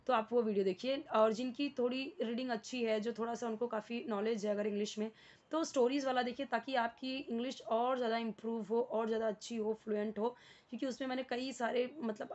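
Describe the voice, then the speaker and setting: A woman's voice: on the high side, a little mellow, highs cut off. A woman with an Indian accent teaching beginner English, explaining a worksheet patiently and spelling words out letter by letter.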